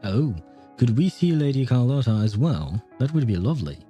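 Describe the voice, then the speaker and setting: A man's voice: mid-range voice, very animated, moderate pace, dark tone, faint music behind. A man giving casual game commentary as a streamer, in an amused, hesitant, rambling way. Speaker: gaming streamer playing through a story.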